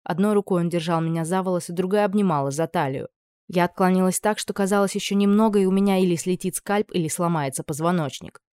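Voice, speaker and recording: An audiobook narrator reading a dark first-person fantasy story in a steady, dramatic storytelling manner. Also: mid-range voice, fast, smooth, no room sound, clean studio sound.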